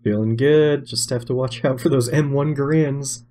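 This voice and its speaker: A man's voice: mid-range voice, fairly even intonation, moderate pace, warm tone. An American man chatting casually as a co-op guest player, laid-back, with brief dry replies. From United States. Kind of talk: casual co-op gameplay chat.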